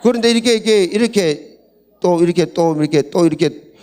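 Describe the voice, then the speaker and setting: A man's voice: high voice, a little fast, a little mellow. An older man from Busan with a Gyeongsang accent, a pastor telling a humorous story at a marriage seminar, acting out voices and laughing often.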